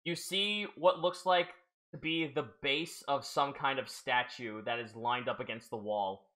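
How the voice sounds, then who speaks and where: A man narrating a tabletop role-playing game as game master, halting and restarting as he explains the rules. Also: mid-range voice, fairly bright tone.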